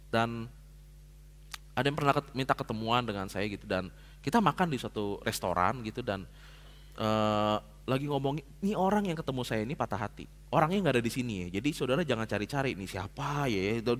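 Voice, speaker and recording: Lively pastor in echoing hall. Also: male voice, mid-range voice, fairly quick. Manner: lively storytelling, casual Jakarta slang, swings from hushed to loud. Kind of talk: sermon. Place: church hall. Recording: long hall reverb.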